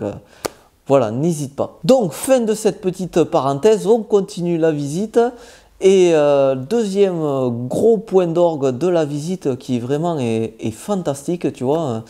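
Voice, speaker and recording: A man's voice: fairly high pitch, mellow. A man with a southwestern French accent giving casual, informal travel tips straight to the viewer, with many hesitations as he talks. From southwest France. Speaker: travel vlogger.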